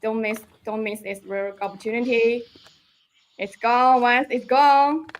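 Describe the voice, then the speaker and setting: A woman's voice: on the high side, flat delivery, measured pace, rough recording. A woman hosting a live product launch stream, promoting a deal and urging viewers to join a giveaway.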